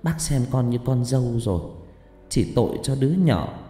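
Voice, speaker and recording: A man's voice: mid-range voice, animated, normal speed, dark tone, reverberant, big-room sound, close to an everyday voice. A man voicing an older woman, a mother who comforts the girl and later wails in grief. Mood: gentle. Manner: wailing, lamenting.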